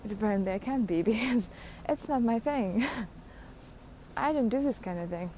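Young woman, podcast host, self-mocking rambling rant; mellow, slightly high voice. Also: animated, normal speed, slight background noise. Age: young adult. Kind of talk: casual solo rant.

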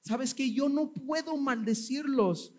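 A greedy prophet quietly lays out a scheme, voiced by a preacher. The voice is high and unhurried, with a sly, calculating tone. It is told as part of a sermon. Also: male voice. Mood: scheming. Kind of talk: sermon storytelling.

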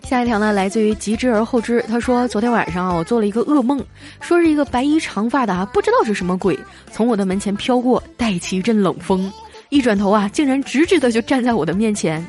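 A woman hosting a comedy show, reading out listener jokes in a lively storytelling way and chuckling through the punchlines. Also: on the high side, fast talker, soft background music. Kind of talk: comic storytelling.

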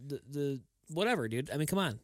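A man's voice: fairly high pitch, lively intonation, fairly quick, no room sound, clean studio sound. A man in a casual sports chat, talking emphatically and in an exasperated way, with many restarts.

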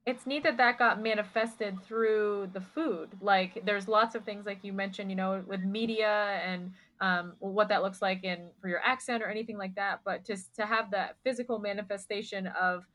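A woman's voice: medium pitch, fairly even intonation, normal speed, hardly any pauses, fairly bright tone, low-quality recording. A woman hosting a casual conversation, responding in a thoughtful, affirming way. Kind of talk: casual chat.

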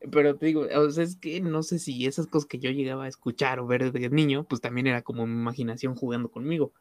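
A young man with a Mexican accent in a casual chat, relaxed and chuckling as he tells a story. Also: medium pitch, quick pace, no echo. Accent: Mexican Spanish.

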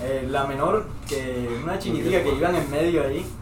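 A man telling a story in casual podcast chat, halting and rambling, full of slang. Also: fairly high pitch. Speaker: podcast co-host. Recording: echoey room, distant mic, noisy.

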